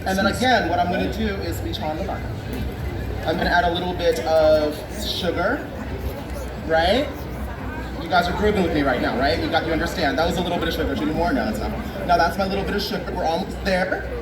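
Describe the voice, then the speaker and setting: A woman's voice: fairly low pitch, fairly quick. A woman from Nashville hosting a live cooking demonstration, playful and punny as she teaches. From Nashville, USA. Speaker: cooking host. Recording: echoey room with crowd noise.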